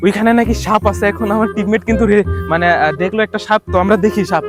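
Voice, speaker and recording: A man's voice: high-pitched, fast, music in the background. A young man vlogging outdoors, chatting casually to his viewers with lots of fillers and restarts. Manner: talkative, fillers and restarts, shouts to a distant teammate. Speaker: YouTube vlogger. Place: outdoors in open ground.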